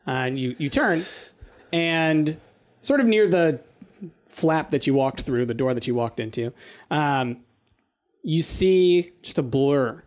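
Man narrating a tabletop game, haltingly. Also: fairly high pitch, animated. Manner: halting, thinking aloud. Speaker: game master.

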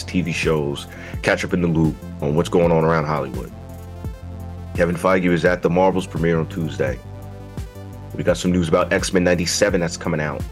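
A man with a low, froggy voice, croaky as if just out of bed, hosts a podcast in a loose, slangy way. He speaks directly to his audience, with music playing behind him. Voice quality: croaky, froggy early-morning voice. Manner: informal, slangy, addresses listeners directly. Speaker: podcast host. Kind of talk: casual video podcast monologue with slang.

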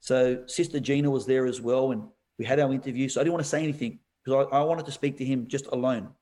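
Animated pastor telling a story. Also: male voice, mid-range voice, fast. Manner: animated storyteller, laughs often, says "bro". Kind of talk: storytelling in a podcast interview.

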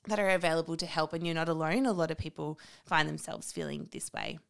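A woman's voice: low-pitched, sing-song, fast, creaky. A young woman, co-hosting a casual podcast chat, speaking candidly and frankly. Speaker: podcast co-host.

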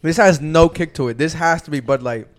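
Young male host, lightly high voice, frat-bro talk with lots of swearing and slang, casual chat. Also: fairly quick.

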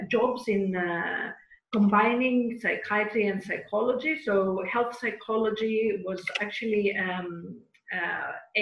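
A middle-aged woman from Greece answers interview questions slowly, hesitating with frequent fillers. Her voice sits in a middle range. The audio is echoey and slightly muffled. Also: mid-range voice. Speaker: guest professor. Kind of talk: podcast interview.

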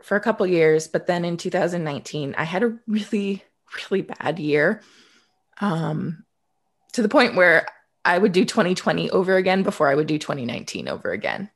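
A Canadian woman of about thirty speaks as an interview guest, frank and reflective. She loops back to restart her thoughts and slips in a dry sarcastic aside. Her voice sits a bit low with a lot of vocal fry. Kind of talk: candid conversational storytelling.

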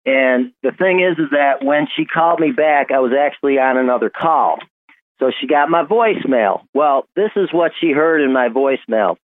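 A man's voice: medium pitch, moderate pace. Man calling in on speakerphone. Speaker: radio show caller. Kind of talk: call-in to a talk radio show. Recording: tinny phone line on speakerphone.

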